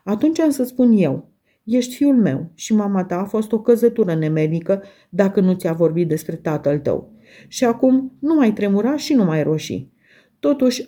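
A woman's voice: medium pitch, warm tone, lightly acted. A woman reading the lines of a harsh, scornful, mocking father in an audiobook.

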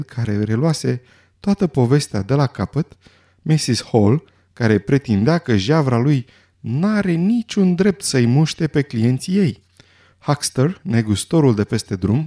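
A man narrating a story in a scripted audiobook reading, expressive and dramatic. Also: medium pitch.

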